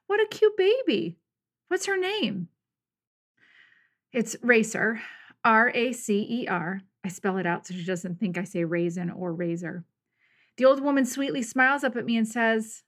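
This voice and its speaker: A middle-aged woman hosting her own podcast, talking through a personal story in an encouraging, storytelling way. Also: mid-range voice. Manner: warm, encouraging, storytelling with lively quoted voices. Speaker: podcast host. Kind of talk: casual solo podcast monologue.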